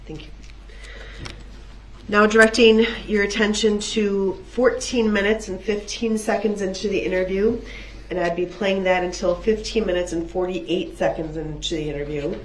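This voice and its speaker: A woman's voice: mid-range voice, fairly even intonation. Echoey, distant woman prosecutor questioning formally. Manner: measured, formal, procedural. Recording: echoey courtroom, distant, faint noise.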